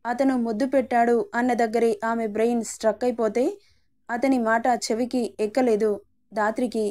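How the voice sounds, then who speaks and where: A woman storyteller reading a romance serial aloud in a steady storybook manner. Her voice sits a little high and has a mellow, warm tone. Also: normal speed.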